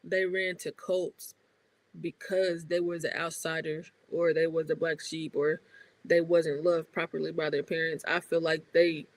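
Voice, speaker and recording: A man's voice: fairly high pitch, little pitch movement, measured pace, low-quality recording. A man co-hosting a podcast, chatting casually in a laid-back, slangy way. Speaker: podcast co-host.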